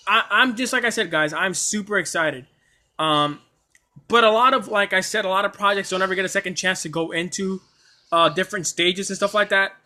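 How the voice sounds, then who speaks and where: A man chatting casually on a livestream, excitable and stammering, often repeating himself and apologizing. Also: high-pitched, brisk. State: coughing at times. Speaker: anime streamer.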